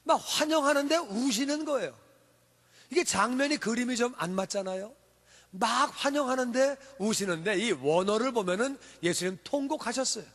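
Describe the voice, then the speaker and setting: A man's voice: very high-pitched, expressive, moderate pace, fairly bright tone. A male pastor preaching a sermon, telling the story with emphatic rhetorical questions. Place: church sanctuary. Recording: long church hall reverb.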